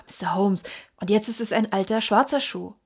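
A woman reading an audiobook, voicing a hot-tempered American baronet who is loud and furious, with a husky American-accented voice. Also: mid-range voice, fairly even intonation, normal speed, close to an everyday voice.

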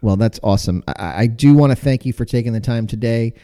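A man from the United States with a medium-pitched, dark voice speaks a little fast as a podcast host conducting an interview. His questions are long and rambling, with many restarts.

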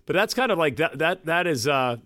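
Male podcast guest in his 50s, self-deprecating, halting, dry sound. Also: fairly high pitch, lively intonation, a bit bright, no room sound. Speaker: guest, private equity partner. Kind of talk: casual podcast interview.

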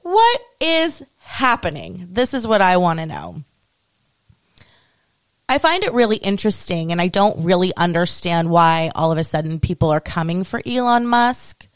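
A woman's voice: on the low side, lively intonation, moderate pace, clean tone, dry recording. A woman hosting a solo podcast, ranting with sarcasm and heavy swearing. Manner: sarcastic, swears freely, swings between mock praise and outrage. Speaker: podcast host. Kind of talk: solo opinion podcast rant.

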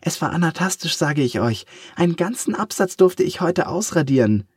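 A man voicing a cheerful, warm-hearted little female eraser in a high, bubbly, quick voice. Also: animated, breathy edge, no room sound, clean studio sound. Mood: enthusing.

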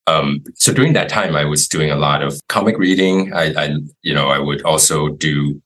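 A man from Taiwan with a very deep, husky voice that still has a bright, forceful edge. He tells his story as an interview guest, relaxed and rambling, with many fillers. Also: normal speed, rough recording. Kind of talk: casual interview.

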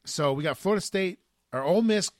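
A man co-hosting a sports podcast, giving game picks in casual chat and speeding up in animated bursts. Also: sits high, brisk, no room sound, clean studio sound. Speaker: podcast co-host.

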